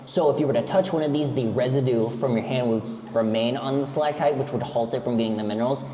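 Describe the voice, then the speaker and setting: A man's voice: mid-range voice, fast talker. A man working as a cave tour guide, explaining the sights as he leads a boat tour inside a cave. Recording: echoey cave, long reverb, background noise.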